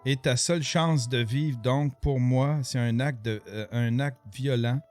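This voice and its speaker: A man with a Québécois French accent, chatting casually on a live stream as he reacts to videos and reads the chat aloud, thinking out loud with many fillers and restarts. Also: mid-range voice, fairly even intonation, unhurried, faint music behind.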